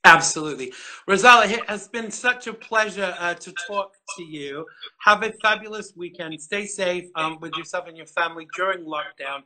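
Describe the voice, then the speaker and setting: A man hosting an interview show, rambling and self-deprecating with many halting fillers. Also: high voice, pushed and bright, poor audio. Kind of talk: casual interview chat.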